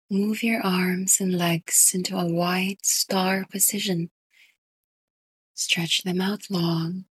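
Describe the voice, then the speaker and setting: A woman guiding a sleep meditation in a soft, breathy whisper. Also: fairly low pitch, dry recording. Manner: slow, soft whispered delivery. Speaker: meditation guide.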